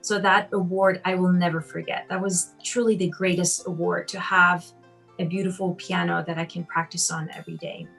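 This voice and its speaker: A woman's voice: on the low side, flat delivery, normal speed, creaky, soft background music, poor audio. Encouraging woman pianist answering questions. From Austria. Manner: warm, encouraging, many ums and you-knows. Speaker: piano teacher and competition judge. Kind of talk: answering interview questions on a video call.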